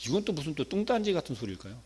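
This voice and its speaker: A male pastor delivering a sermon in a high, lively voice that climbs and dips widely. He keeps asking the congregation questions and swings from loud emphatic bursts down to hushed asides. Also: rapid-fire, slightly rough. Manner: animated, rhetorical questions to the congregation.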